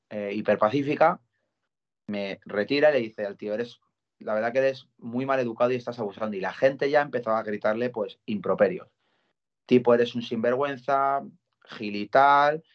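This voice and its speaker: Man telling a lively story. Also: mid-range voice. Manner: animated storyteller, quotes others in dialogue. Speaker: football fan telling a story. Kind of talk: casual radio-style talk. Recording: dull lo-fi sound.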